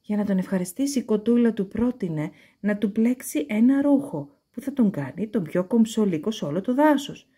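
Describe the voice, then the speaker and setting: A woman reading a children's story aloud in an expressive, animated way. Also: medium pitch, few pauses, breathy edge.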